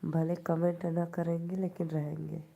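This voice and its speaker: A woman's voice: on the low side, monotone, unhurried, gravelly, dark tone. A woman with an Awadhi accent hosting a live stream, chatting casually with viewers, teasing them and laughing often.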